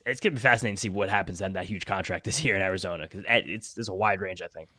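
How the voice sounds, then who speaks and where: A man breaks down fantasy baseball in long run-on explanations. He talks extremely fast in a lowish voice. The sound is dry and close, with no room around it. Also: pushed and bright, no echo. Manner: rapid-fire, run-on explanations. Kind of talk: casual podcast chat.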